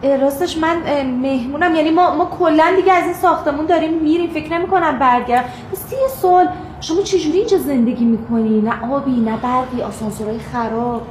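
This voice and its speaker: An actress playing a flustered young wife in a sitcom, polite but quick to argue. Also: female voice, high-pitched, a little mellow, a little hiss or hum, close to an everyday voice. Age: young adult. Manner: polite, then quick and exasperated when arguing. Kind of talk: sitcom acting. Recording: roomy echo.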